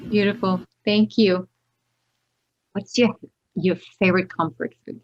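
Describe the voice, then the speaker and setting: A woman's voice: mid-range voice, steady tone, unhurried, lo-fi sound, a little hiss or hum. A woman hosting a podcast interview, asking casual questions and answering with encouraging short replies. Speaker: podcast host.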